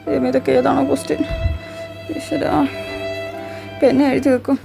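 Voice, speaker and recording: A woman's voice: sits high, level tone, normal speed, vocal fry, over music, pitched above the performer's own voice. A woman playing an unprepared schoolgirl who mutters worriedly to herself during an exam. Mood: panicky.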